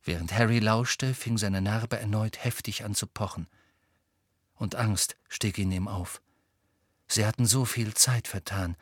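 A man narrating an audiobook in a measured storytelling manner. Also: mid-range voice, no room sound, clean studio sound. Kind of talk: scripted narration.

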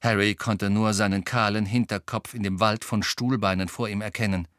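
A man reading an audiobook in measured, even scripted narration. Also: lowish voice, dry recording, studio quality.

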